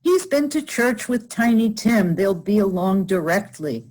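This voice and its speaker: A woman's voice: medium pitch, lively intonation, a little slow, darkish tone, rough recording. A woman playing a fond, fretful middle-aged mother in a radio play. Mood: fond, motherly.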